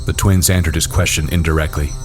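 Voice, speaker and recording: A man narrating a novel aloud in a measured, steady storytelling manner. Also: very deep voice, faint music behind. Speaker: audiobook narrator.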